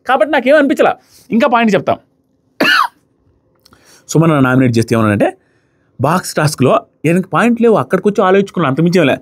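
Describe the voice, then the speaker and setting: A man's voice: fairly high pitch, big pitch swings. A man giving an emphatic, indignant review of a reality show. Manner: emphatic, indignant, rapid-fire ranting. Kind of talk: opinionated review commentary.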